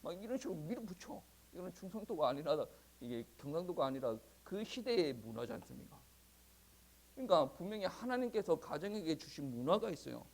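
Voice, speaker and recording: Husky, animated male pastor. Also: fairly high pitch. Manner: conversational and animated, with frequent chuckles. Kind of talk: sermon. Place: church.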